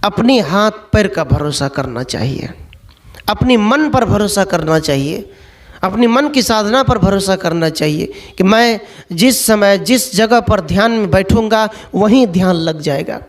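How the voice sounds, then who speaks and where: A man's voice: sits high, expressive, measured pace. A man preaching a sermon, telling stories and firing off rhetorical questions. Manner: storytelling, full of rhetorical questions.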